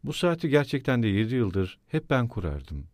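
A man's voice: medium pitch, big pitch swings, moderate pace, a little mellow, no echo, natural voice. A man voicing a brooding, eerie, absent-minded middle-aged landowner in an audiobook reading, with a musing, rambling delivery.

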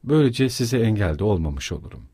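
A man's voice: lowish voice, big pitch swings, fast, dark tone, breathy edge, no room sound, clean studio sound. A man reading a pompous middle-aged suitor. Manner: pompous, sententious.

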